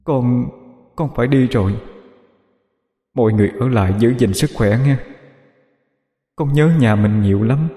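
A sorrowful young man's spirit , put on by a male storyteller speaks through a possessed aunt in an audio story. The voice sits higher and quieter, tearful and pleading, and a long, roomy reverb wraps every word like a ghost. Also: a little slow, long pauses.

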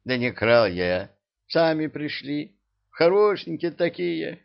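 A man's voice: a little high, very animated, slow, vocal fry, lo-fi sound, voice pushed up, exaggerated voice. A man voicing a fussy old genie king. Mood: plaintive. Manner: whiny, flustered, plaintive.

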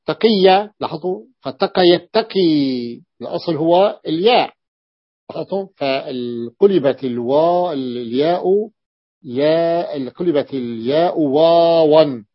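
A man teaches a grammar lesson as a sheikh, going over each rule slowly and repeating his phrases. His voice sits a little high. The recording is dull and dry, with no room echo. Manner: repeats phrases, stretches words, often confirms with a short "yes". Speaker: sheikh teaching Arabic morphology. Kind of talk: classroom lecture explaining a text.

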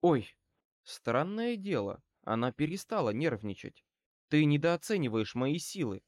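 A man's voice: fairly high pitch, very animated, unhurried, a little mellow, dry recording, studio quality. A man reading an audiobook and voicing a brassy, defiant female crook who snaps back with sneering retorts. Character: middle-aged female small-time crook, brassy and defiant.

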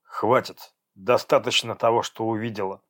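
A man's voice: on the low side, fairly even intonation, moderate pace, fairly bright tone, lightly acted. Audiobook: male narrator playing a stern, domineering man, curt and commanding. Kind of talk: audiobook character voice.

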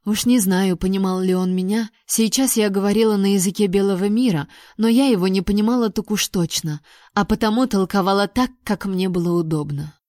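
A woman reading a first-person fantasy audiobook with lively, expressive storytelling. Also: medium pitch, fairly quick, dry recording, clean studio sound. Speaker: audiobook reader.

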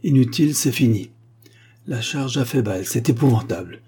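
A man voicing a middle-aged country gentleman and husband, courteous and commanding in a measured way. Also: medium pitch, expressive, slightly rough. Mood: shaken, urgent.

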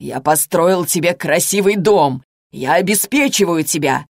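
Controlling husband, menacing, raving, fairly low voice, dry close sound, audiobook, read by a woman. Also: measured pace, dry recording. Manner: cold, then shouting and raving. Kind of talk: audiobook reading.

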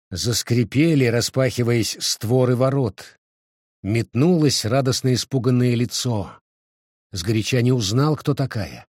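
Slow, husky male storyteller. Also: mid-range voice, a little mellow, dry recording, clean studio sound. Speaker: reader. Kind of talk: reading fiction aloud.

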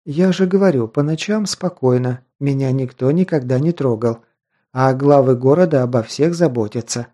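A man reading an audiobook, voicing a proud but sheltered young noble girl in a raised, softened voice. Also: mid-range voice, moderate pace, close to an everyday voice.

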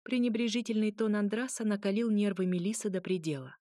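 Casting: woman audiobook narrator, even storytelling read, dry close recording. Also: mid-range voice, fairly quick, no room sound. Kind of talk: scripted narration.

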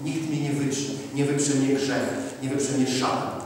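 A man's voice: level tone, measured pace, a little hiss or hum. Man preaching in an echoey hall. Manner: swings from loud shouted peaks to low, quiet asides. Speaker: street preacher. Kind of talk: sermon. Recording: echoey hall, far from the mic.

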